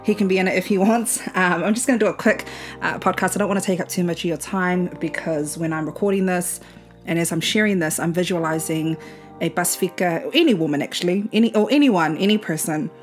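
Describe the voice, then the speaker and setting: A woman in her late twenties with a slightly low voice hosts a casual podcast from home. She is chatty and informal, and music plays clearly behind her. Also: brisk. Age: about 29. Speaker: podcast host. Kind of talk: casual solo podcast talk.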